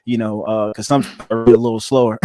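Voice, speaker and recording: A man's voice: fairly low pitch, little pitch movement, fairly quick, mellow. A man hosting a podcast, joking in a playful way, affirming his guest and often repeating his words. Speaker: podcast host. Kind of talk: casual interview chat.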